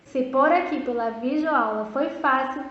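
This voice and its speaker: A woman teaching a video lesson for young children, modeling words slowly and drawing out each one with sing-song prompts. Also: sits high, soft background music. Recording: echoey, dull lo-fi room sound.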